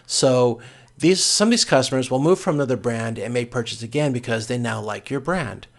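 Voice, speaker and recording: Here a man lectures as a course instructor in a recording, working through the material step by step in a halting manner with frequent self-corrections. His pitch is medium and his voice has a gravelly texture.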